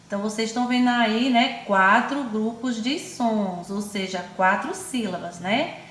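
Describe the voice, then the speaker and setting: A woman with a Brazilian accent teaching young children in an online class, speaking affectionately and stretching words out slowly syllable by syllable. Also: on the high side, fairly bright tone, roomy sound, slight background noise. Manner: affectionate, calls pupils "my loves" and herself "auntie". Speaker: primary school teacher.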